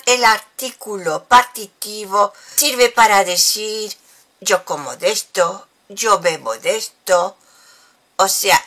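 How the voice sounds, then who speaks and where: An older woman teaching with patient explanations, repeating example phrases slowly. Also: mid-range voice, creaky, bright, forceful tone. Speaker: language teacher.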